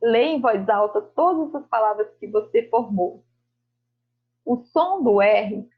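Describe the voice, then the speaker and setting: Slow, patient woman teacher, muffled. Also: medium pitch, slightly rough. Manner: reads tasks aloud, then explains slowly and patiently. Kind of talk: recorded lesson going over exercises. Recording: muffled home recording.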